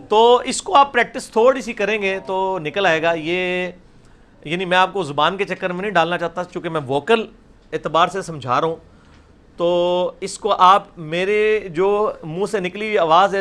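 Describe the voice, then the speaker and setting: Over a video call, a high-pitched man leads a recitation class, saying each sound slowly and loudly so his students can repeat it.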